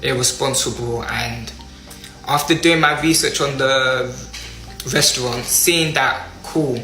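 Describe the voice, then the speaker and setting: A young man with a British accent giving an earnest, halting apology statement. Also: mid-range voice, fairly even intonation, bright, forceful tone. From United Kingdom. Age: young adult. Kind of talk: spoken apology statement to camera. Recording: roomy echo, faint music behind.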